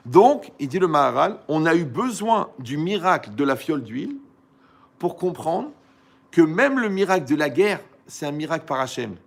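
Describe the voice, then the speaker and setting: A male rabbi with a somewhat high, gravelly voice teaches a Torah lesson to young listeners. He talks in a colloquial, animated way, telling little stories and checking in with rhetorical questions. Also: normal speed.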